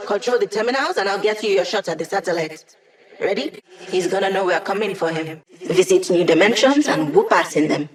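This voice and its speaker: A woman's voice: mid-range voice, lively intonation, fairly quick, natural voice. An actress playing a young digital hacker woman in a video game, wry and playful, with casual, teasing tech-geek banter. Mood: confident. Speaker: hacker support character guiding a squad. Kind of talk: video game character voice lines.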